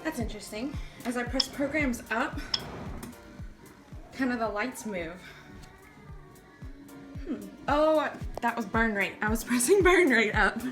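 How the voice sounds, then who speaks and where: A woman in her thirties from the States, chatting casually in a home vlog and filling pauses with "um". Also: a little high, animated, music in the background. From Southern US. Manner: chatty, frequent "um" fillers. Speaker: family vlogger.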